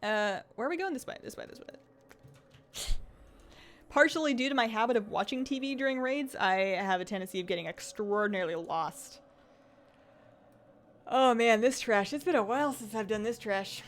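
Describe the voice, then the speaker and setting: Her pitch sits fairly high and she speaks at normal speed, pausing often. This woman streamer rambles chattily through her gaming livestream, reading out viewer comments, and her voice sounds slightly strained from all the talking.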